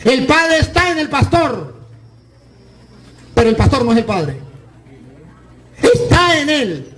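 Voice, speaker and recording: Very high-pitched emphatic priest. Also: male voice, slow pace, poor audio. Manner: animated, emphatic, rhetorical questions. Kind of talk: live religious debate.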